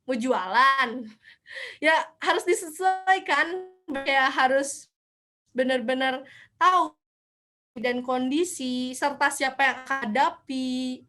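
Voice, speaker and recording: Bright high-voiced woman giving a chatty talk. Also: slow, long pauses, soft background music. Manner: chatty, asks herself questions and answers them. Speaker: speaker at a student seminar. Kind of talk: casual online lecture.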